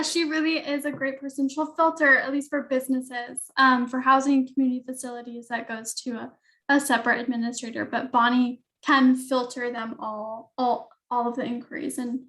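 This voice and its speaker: A woman's voice: high-pitched, fairly bright tone. A woman panelist answering an online question in an upbeat, enthusiastic way.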